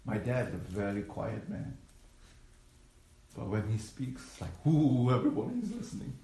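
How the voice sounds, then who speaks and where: A man's voice: medium pitch, big pitch swings, normal speed, creaky, mellow, roomy sound. A man, preaching a sermon as pastor in a conversational way and putting questions to the congregation. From Malaysia. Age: 50s. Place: church.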